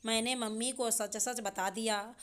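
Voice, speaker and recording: A woman's voice: on the high side, steady tone, unhurried, a bit bright. Sadhana, a woman voicing a hurt young daughter-in-law. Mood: aggrieved. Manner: pleading, tearful complaint.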